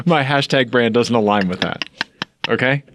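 A podcast co-host with a mid-range, slightly bright voice speaks a little slowly in a casual chat, with slight background noise. Playful and joking, he teases his friend and tells stories full of laughs.

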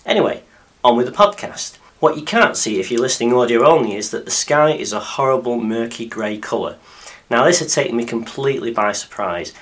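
A man hosts a scripted flying podcast. His voice is deep and croaky from being unwell. He narrates as a pilot telling his own story. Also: lively intonation, fairly quick, fairly bright tone. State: croaky after a week of flu-like illness. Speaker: podcast host and microlight pilot.

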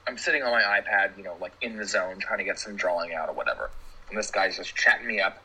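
A man, a production designer, chatting as a podcast guest and telling stories with animated energy. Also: deep voice, quick pace, breathy edge, poor audio. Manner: animated storyteller, laughs while talking. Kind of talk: casual podcast chat.

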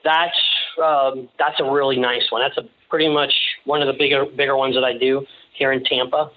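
A male podcast guest talks casually in a halting, rambling, joking way. The recording is narrow and lo-fi, like a phone. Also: mid-range voice, little pitch movement. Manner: jokey, rambling, halting delivery. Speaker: podcast guest, small-business owner. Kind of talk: casual interview chat. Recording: slightly dull, lo-fi sound.

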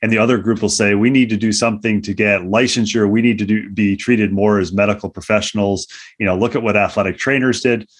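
A man hosting a podcast, framing his questions to the guest at measured length. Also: on the low side, fairly even intonation, slightly rough. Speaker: podcast host. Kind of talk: interview questions.

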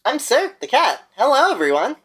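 A woman's voice: sits high, wildly swooping pitch, moderate pace, husky. A woman chatting casually as a podcast co-host. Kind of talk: casual chat.

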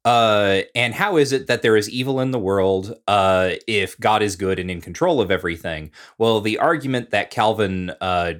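A man co-hosting a podcast, explaining ideas in a measured, lecturing way with frequent "uh" and "right?". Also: fairly low pitch, fairly bright tone. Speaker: podcast co-host. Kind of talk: casual explanatory discussion.

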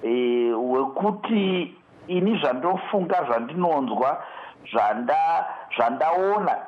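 Male guest analyst, Zimbabwean Shona accent, highish voice, halting deliberate delivery, slightly muffled line. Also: expressive. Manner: deliberate, halting, restarts words. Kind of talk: political commentary in a live discussion.

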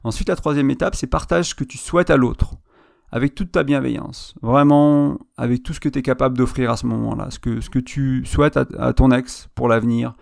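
A man with a heavily gravelly, creaky voice hosts a podcast. He talks to the listener in an informal advice monologue and walks through ideas step by step. His pitch sits in an ordinary middle range. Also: darkish tone. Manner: informal, addresses listener directly, explains step by step. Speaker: podcast host.

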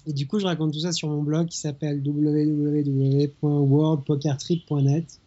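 Husky-voiced man heard over a phone line. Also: on the high side, flat delivery, normal speed, warm tone. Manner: easygoing, hesitant with many fillers. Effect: heard over a remote phone or internet call line. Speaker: interview guest. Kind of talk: casual interview chat. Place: small hotel in the mountains.

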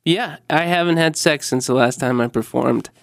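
A male comedian in a casual podcast chat, with a natural quaver in his voice and a deadpan, absurd way of joking. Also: on the high side, moderate pace, gravelly, dry recording, studio quality. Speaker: comedian guest. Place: home state Pennsylvania.

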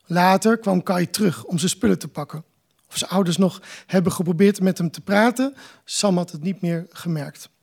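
Man, author, live reading of his novel, measured narration, raspy, high. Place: live book presentation event.

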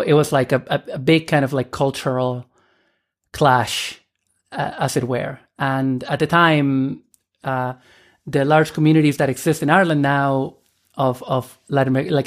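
Hesitant woman in her thirties. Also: extremely low pitch. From Argentina. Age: 30s. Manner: hesitant, many fillers and restarts. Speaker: podcast guest. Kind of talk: casual conversational interview.

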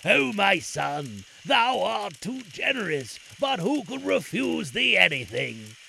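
A man voicing a genial elderly sultan who speaks slowly and fondly. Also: high voice, big pitch swings, vocal fry, sharp tone, a little hiss or hum, full character voice. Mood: gracious.

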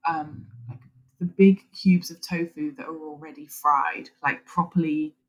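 A British woman in her twenties, croaky from a cold, chatting casually and enthusiastically as a podcast co-host. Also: deep voice, fairly even intonation, unhurried, poor audio. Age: 20s. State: croaky from being ill. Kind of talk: casual chat.

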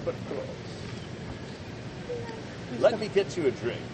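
A man voicing a suave, courteous 1930s gentleman in a tabletop role-play, with affected politeness. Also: fairly high pitch, sing-song, slow, far from the mic, noisy background, pitched above the performer's own voice. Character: suave gentleman offering cocktails, 1930s high society.

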